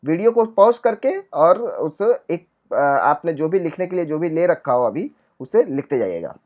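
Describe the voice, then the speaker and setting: Lively man teaching English lesson. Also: a little high, moderate pace. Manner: lively, questioning the viewer then answering. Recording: dull lo-fi recording.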